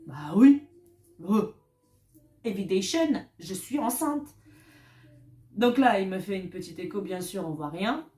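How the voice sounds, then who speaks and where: A young woman vlogging, chatting casually and poking fun at herself as she acts out little bits of dialogue. Her mid-pitched voice bounces around an echoey room. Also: expressive, slow pace, pauses often, mellow. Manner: chatty, self-mocking, acts out quoted dialogue. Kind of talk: casual personal storytelling to camera.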